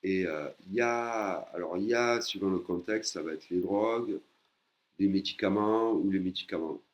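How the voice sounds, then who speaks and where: A man teaching a language lesson, patiently explaining and repeating words slowly for learners. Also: low-pitched, muffled recording.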